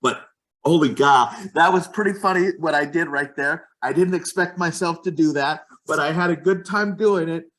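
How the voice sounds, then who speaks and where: A man speaking in a fairly high voice, talking with passion in a casual podcast chat. He is emphatic and restarts his phrases as he builds to his point. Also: moderate pace, fairly bright tone. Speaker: real estate agent.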